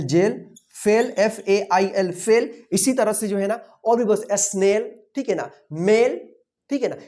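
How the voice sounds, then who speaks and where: A man's voice: high voice, a little mellow. A male English teacher giving an online phonics lesson, spelling words letter by letter and checking in with "theek hai na" after almost every point. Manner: asks rhetorical questions, repeats "theek hai na" often.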